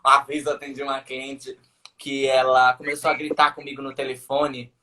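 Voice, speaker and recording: A man with a Brazilian Portuguese accent hosts a casual live-stream chat, telling stories in a mocking, ironic way. His medium-pitched voice is monotone and sharp, at a moderate pace.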